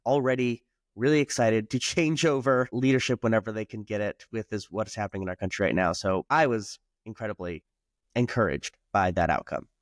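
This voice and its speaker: A man's voice: fairly low pitch, fairly quick, dry recording, studio quality. A man co-hosting a casual political podcast, chatty and full of "you know" fillers. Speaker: podcast co-host and state lawmaker.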